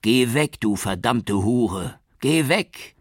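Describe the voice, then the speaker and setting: A deranged priest in a storybook, as a man voices him bellows scornful curses in a high, loud voice. His tone is husky. The recording is dry. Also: expressive, takes it slowly, no echo. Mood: raging. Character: deranged male priest raging from a rooftop.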